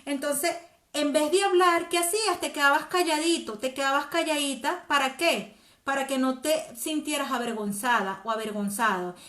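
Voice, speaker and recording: A woman talks directly to the viewers of her live stream, answering their comments. Her voice sits high, and the room around her gives a clear echo. She speaks in a gentle coaching way. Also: moderate pace. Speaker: host.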